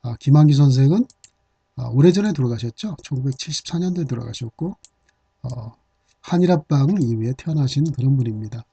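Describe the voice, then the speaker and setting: A man's voice: mid-range voice, expressive, a little fast, warm tone, husky, no echo. A middle-aged man teaching Chinese-character vocabulary, explaining patiently with many "ah" and "uh" fillers. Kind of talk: hanja vocabulary lesson. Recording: dull, slightly lo-fi dry recording.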